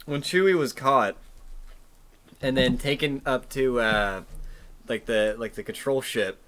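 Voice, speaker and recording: A man on a podcast, retelling a scene in a halting way with many restarts. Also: mid-range voice, a bit bright, a little hiss or hum. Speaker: podcast co-host. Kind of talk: casual chat.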